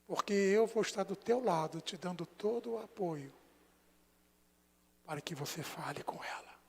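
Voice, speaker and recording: A Brazilian man preaching as a pastor, telling a story and swinging between hushed and loud passages. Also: high voice, expressive, normal speed, vocal fry, breathy edge. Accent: Brazilian Portuguese. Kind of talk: sermon. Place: church sanctuary. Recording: long church hall reverb.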